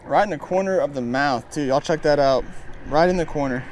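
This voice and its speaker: Excited man fishing from a kayak. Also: a little high, a little fast, slight background noise. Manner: excited, chatty, says man and guys a lot. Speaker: fishing vlogger. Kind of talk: casual outdoor vlog commentary. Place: kayak on open water under a bridge. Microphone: action camera on chest and pole.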